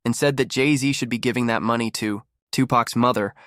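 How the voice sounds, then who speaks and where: A man's voice: medium pitch, fairly even intonation, a little fast, a bit bright, dry recording, studio quality. A man delivering scripted gossip commentary as a narrator.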